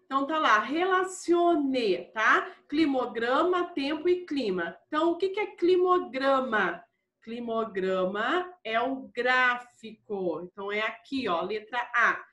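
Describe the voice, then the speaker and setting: A woman's voice: sits high, sing-song, moderate pace, few pauses, sharp tone, reverberant. A woman teaching a primary school class, patiently walking through exercises and often checking in with the children. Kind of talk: classroom lesson walkthrough.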